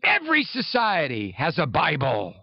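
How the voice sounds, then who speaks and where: American guy on a sarcastic exasperated rant, high voice that swings all over, kinda dull lo-fi sound. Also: huge pitch swings, normal speed, dry recording. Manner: exasperated, mocking, emphatic. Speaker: political commentator and host. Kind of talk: impassioned political rant with sarcastic jabs.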